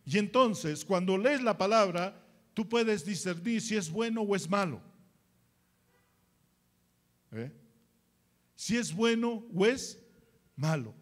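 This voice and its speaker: A male pastor with a Peruvian Spanish accent preaching a sermon slowly and emphatically, often asking rhetorical questions. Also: sits high, animated.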